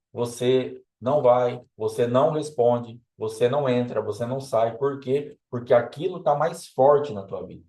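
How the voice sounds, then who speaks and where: Brazilian male pastor, earnest repetitive preaching, slightly high voice, echoey room. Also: a little mellow. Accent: Brazilian Portuguese. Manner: earnest, repetitive, acts out quoted objections. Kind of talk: preached teaching sermon.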